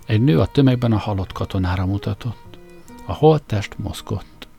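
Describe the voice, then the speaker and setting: A man's voice: lowish voice, lively intonation, vocal fry, warm tone, faint music behind. Man telling a wry comic story. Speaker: narrator. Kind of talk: audiobook narration.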